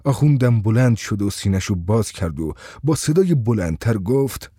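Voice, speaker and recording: A man reading a first-person story in a steady, conversational storytelling way. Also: lowish voice, slightly rough, no echo, studio quality.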